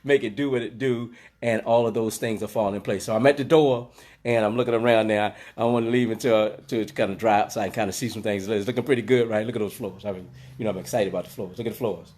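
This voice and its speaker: Sick guy with a rumbly voice doing a motivational phone live from his salon, rambly and repetitive, lots of uhs. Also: fairly even intonation, fast, a little mellow. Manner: rambling, repetitive pep talk with many fillers. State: under the weather, rumbling voice. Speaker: host of a daily motivational live stream and salon owner. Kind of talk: casual motivational live-stream talk. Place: inside his closed hair salon.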